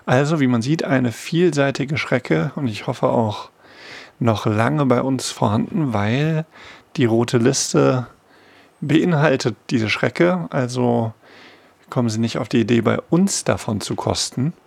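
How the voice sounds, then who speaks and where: Middle-aged male host, informal explainer, husky and creaky, wry and musing. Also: medium pitch, takes it slowly, dry recording. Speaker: host of a monthly sound feature.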